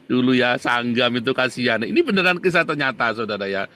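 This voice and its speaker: A male pastor giving a casual, conversational sermon. He talks to the congregation directly and swings between loud bursts and quiet asides. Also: mid-range voice, a little fast. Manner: animated, colloquial, addresses listeners as "saudara".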